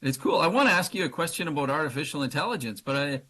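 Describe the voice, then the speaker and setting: Quick, husky-voiced male co-host, offhand and joking. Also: a little high, lively intonation, sharp tone. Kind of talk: casual chat.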